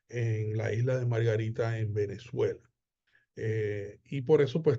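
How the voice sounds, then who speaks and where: A man, presenting a webinar as an accountant, unhurried and full of hesitations and repeated words. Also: mid-range voice, dark tone, highs cut off. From Puerto Rico. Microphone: video call.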